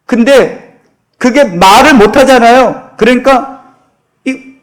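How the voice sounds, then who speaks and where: A middle-aged man preaching a sermon, telling a folk tale with lively asides to the congregation. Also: extremely high pitch, slow. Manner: animated storytelling with asides. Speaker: pastor. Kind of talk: sermon storytelling.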